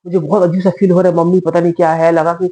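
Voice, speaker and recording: A woman's voice: lowish voice, little pitch movement, quick pace, dark tone, natural voice. A woman voicing her frightened older sister, urgent and repeating herself. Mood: panicked.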